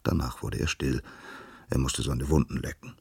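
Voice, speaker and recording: A man narrating myths in an expressive, dramatic storybook reading. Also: very deep voice, normal speed, vocal fry, husky, no echo, studio quality.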